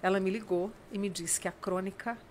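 A woman's voice: medium pitch, fairly even intonation, a little fast. Woman guest, storytelling, casual interview, light background noise. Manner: warm storytelling, acts out dialogue. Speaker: guest, writer and radio chronicler.

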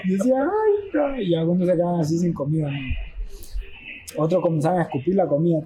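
A man's voice: fairly high pitch, steady tone, brisk, mellow. A man telling a story casually, acting out quotes in a raised voice. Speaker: guest telling his boxing story. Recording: noisy background hiss.

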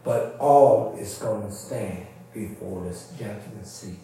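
A man with a low, mellow voice preaches slowly and conversationally, in a folksy way, repeating points for emphasis and asking for amens as he teaches. The distant mic catches a very echoey room.

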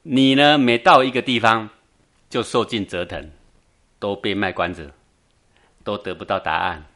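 A man with a somewhat low voice gives a Buddhist talk as a storyteller. He tells the tale with animated energy and chuckles often. He keeps turning to his listeners to check that they agree. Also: a little slow. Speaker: Buddhist teacher.

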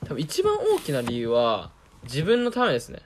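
A man's voice: mid-range voice, huge pitch swings, moderate pace, a little hiss or hum. A young man with a Kansai Japanese accent, talking in a casual, self-deprecating monologue and laughing often.

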